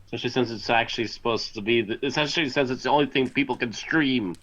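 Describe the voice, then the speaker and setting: A man's voice: mid-range voice, quick pace, a bit bright, dull audio, soft background music. A man streaming a game, chatting casually and grumbling wryly on voice chat. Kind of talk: casual voice chat while gaming.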